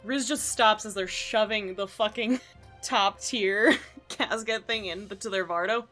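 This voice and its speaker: A woman playing a tabletop game, chatting casually in an expressive, joking way with some swearing. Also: mid-range voice, measured pace. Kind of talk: casual chat, playful role-playing. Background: faint music.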